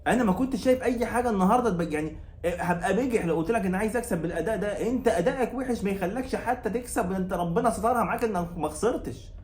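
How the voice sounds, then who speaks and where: Speaking very fast in a high, darkish voice, a football commentator with an Egyptian Arabic accent hosts his own channel amid heavy reverb. As an angry fan, he goes on a heated, sarcastic tirade about the match, circling back to the same grievances and lecturing the coach.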